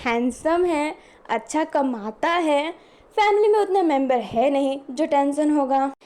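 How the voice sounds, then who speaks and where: Headstrong mum in a read-aloud fan story, emphatic and high-pitched, voiced by a woman. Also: lively intonation, unhurried, darkish tone. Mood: coaxing. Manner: emphatic, coaxing. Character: bold, stubborn, loving middle-aged mother.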